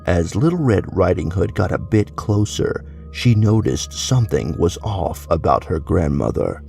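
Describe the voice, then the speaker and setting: A man narrating a horror story in a slow, brooding, scripted storytelling manner. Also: sits low, sing-song, gravelly, mellow, faint music behind.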